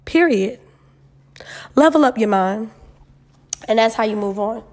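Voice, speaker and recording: Sassy 20s woman, kinda high voice, blunt slangy advice chat, lots of cursing, echoey empty room sound. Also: lively intonation, measured pace, a little hiss or hum. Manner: blunt, sassy, heavy swearing, emphatic. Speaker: host of a girl talk advice show. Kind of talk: casual solo chat with advice, frank and slangy. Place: new, mostly empty apartment.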